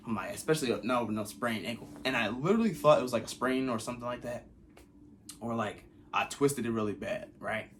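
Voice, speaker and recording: A man's voice: medium pitch, fairly quick, fairly bright tone, a little hiss or hum. A young man casually telling a personal story, loose and slangy. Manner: laid-back slangy retelling. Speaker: vlogger.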